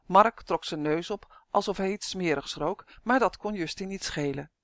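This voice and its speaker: A narrator reading a children's storybook aloud in a steady, clear telling. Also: medium pitch, normal speed, no room sound. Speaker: audiobook narrator.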